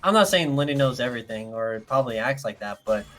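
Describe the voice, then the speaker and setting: A man casting a live esports match as play-by-play commentator, excitable and jokey with rambling asides. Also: mid-range voice, fast talker, soft background music. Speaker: esports caster.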